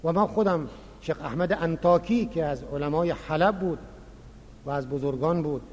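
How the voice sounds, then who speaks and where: A man delivers a religious lecture in a fairly high voice. He explains his points with animated emphasis. The recording has a long hall reverb behind him. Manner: explanatory, animated, acts out quoted dialogue. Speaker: lecturer on Quran recitation.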